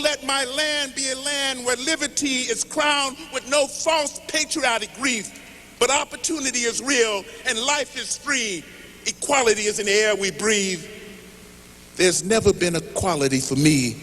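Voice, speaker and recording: A man reciting poetry as an impassioned rally speech, declaiming in measured phrases. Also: extremely high pitch, a bit bright. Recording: noisy large hall with long reverb.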